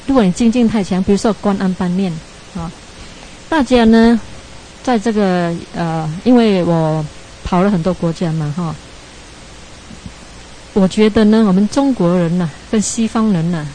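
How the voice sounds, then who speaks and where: A woman's voice: medium pitch, moderate pace, mellow, a little hiss or hum, low-quality recording. A woman giving a Buddhist dharma talk as a meditation teacher, telling a story in a chatty way, ending phrases with tag particles and laughing at her own slips.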